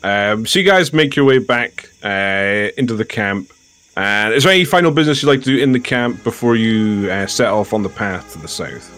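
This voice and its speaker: A man's voice: fairly low pitch, lively intonation, normal speed, fairly bright tone, dry recording. A man running a tabletop game as game master, describing scenes with frequent ums.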